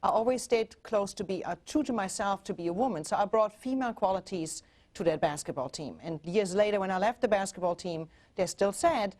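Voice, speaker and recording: A relationship coach in her forties, German and speaking with a German accent, appears as a guest in a TV interview, talking earnestly with frequent restarts and fillers. Her voice is medium in pitch, a little mellow, and a little fast.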